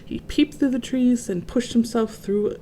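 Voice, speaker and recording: A woman's voice: on the high side, unhurried, warm tone, a little hiss or hum. A woman reading a children's picture book aloud and chatting to kids about the story in a friendly way.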